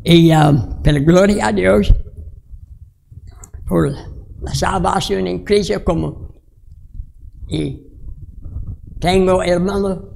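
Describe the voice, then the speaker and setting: A pastor in his sixties preaches in a slow, unhurried way, stopping and restarting his phrases. His voice sits high for a man and is thick with gravelly fry. He tells his sermon as a personal story in broken phrasing. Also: darkish tone. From United States. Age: 60s. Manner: halting, broken Spanish with restarts.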